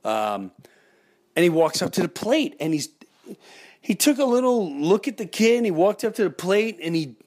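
Animated man telling stories casually. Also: high voice, moderate pace. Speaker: host of a baseball fan show. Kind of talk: casual chatty storytelling to the audience.

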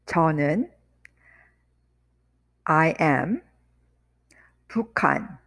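A woman leads a language lesson at a very slow, deliberate pace. Her fairly low voice rises and falls a lot. She says each phrase slowly and then repeats it quickly. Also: lively intonation, gravelly, a bit bright. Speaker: Korean language teacher.

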